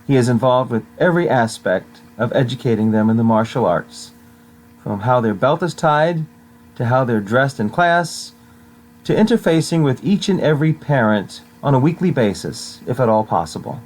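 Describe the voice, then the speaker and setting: A man hosting a show, reading a scripted feature in measured phrases. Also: medium pitch, expressive, rough recording. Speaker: show host and interviewer.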